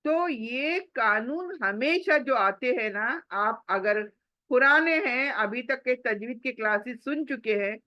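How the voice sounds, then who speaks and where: Slow-speaking woman teaching recitation. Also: fairly high pitch, animated, sharp tone, dry recording, dull audio. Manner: patient, repeats examples slowly and hums the letters; asks the students questions and answers them herself. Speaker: tajweed teacher. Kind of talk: recorded Quran recitation lesson.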